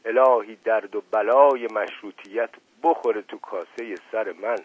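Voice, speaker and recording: A man's voice: on the low side, fairly even intonation, slightly rough, no echo. Sly, flirtatious teasing nobleman, read by a man. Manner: mumbling asides, mock piety, teasing. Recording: dry, tinny lo-fi radio recording.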